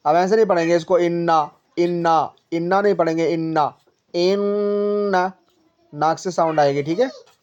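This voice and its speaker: A woman's voice: on the low side, fairly even intonation, a little mellow. A woman teaching a one-on-one Quran reading lesson, explaining patiently, repeating points, quizzing her pupil and stretching syllables out to demonstrate. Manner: patient, repetitive explaining with questions. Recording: dull lo-fi recording.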